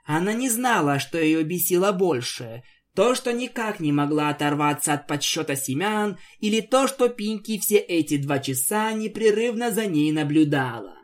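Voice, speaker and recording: A reader narrating an amateur fan story with expressive storytelling. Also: mid-range voice, normal speed.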